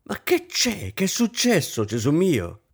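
A man reading aloud voices an anxious wealthy hostess, a woman who talks in a frantic, high-strung way. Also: sing-song, a little fast. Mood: nervous.

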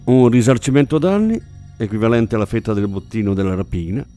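A man voicing a cool-headed middle-aged investigator who speaks calmly and coldly. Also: fairly low pitch, brisk, soft background music, natural voice. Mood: firm. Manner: calm, cold.

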